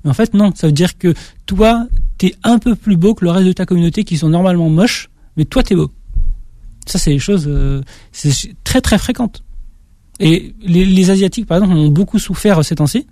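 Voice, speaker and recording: An author guest in an interview, this young man from France has a slight Auvergne accent and a high, warm voice at normal speed. He answers hesitantly, with frequent restarts. There's no echo.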